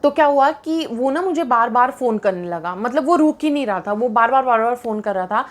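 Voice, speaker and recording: A young woman with a slightly high voice tells a personal story in casual chat. She is animated and switches freely between Hindi and English. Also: brisk.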